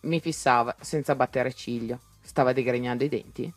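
A man narrating an audiobook in a lively way, giving each character's lines their own voice. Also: mid-range voice, normal speed, faint music behind.

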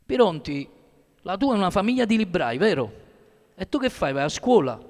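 A man doing a gruff boxing coach. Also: high voice, very animated, moderate pace, darkish tone. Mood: curt. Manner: curt, barking instructions. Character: gruff, brusque middle-aged male boxing coach. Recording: long reverb of a hall.

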